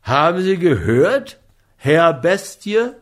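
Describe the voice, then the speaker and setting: A man's voice: fairly high pitch, sing-song, slow pace, pitched above the performer's own voice. A man reading an audiobook, voicing a hot-tempered, commanding man who threatens and bullies. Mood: stern. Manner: forceful, threatening. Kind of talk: audiobook character voice.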